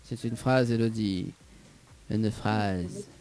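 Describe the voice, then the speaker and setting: A man's voice: on the low side, slow, darkish tone. A male radio host, running a live call-in game with lots of laughing and teasing. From Réunion. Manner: joking, laughs often, teasing.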